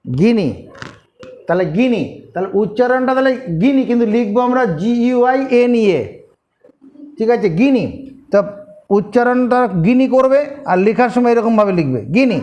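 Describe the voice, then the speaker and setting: A man's voice: very high-pitched, dark tone. A man teaching an informal geography lesson, repeating names and spelling them out letter by letter. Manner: slow, repetitive, spelling letter by letter.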